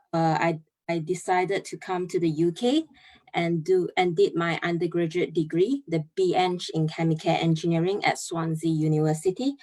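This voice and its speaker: Speaking in a fairly low, somewhat mellow voice, this young Malaysian woman delivers a chemical engineering talk over video call. Her earnest explanation moves one step at a time, punctuated by many fillers and pauses.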